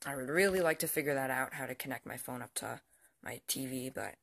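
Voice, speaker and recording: This amateur vlogger is a teenage or barely adult male with a mid-range, fairly bright voice touched by vocal fry, talking fairly quickly. At home by the TV, his casual, unscripted show-and-tell comes out rambling and hesitant, often fading off mid-thought.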